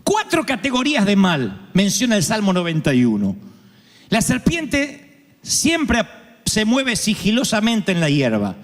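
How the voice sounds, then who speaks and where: A man's voice: sits high, huge pitch swings, unhurried. A middle-aged man with an Argentine accent preaching a sermon, telling funny stories and acting out the voices of the people in them. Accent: Argentine Spanish. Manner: humorous storytelling, acts out voices. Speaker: pastor. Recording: long reverb of a large hall.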